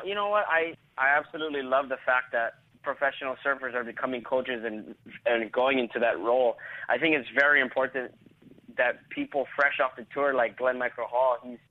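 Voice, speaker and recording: A man's voice: mid-range voice, dry recording. A man from Hawaii chatting casually as an interview guest, laid-back and often repeating himself. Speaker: professional surfer, interview guest. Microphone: phone call. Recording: tinny phone line.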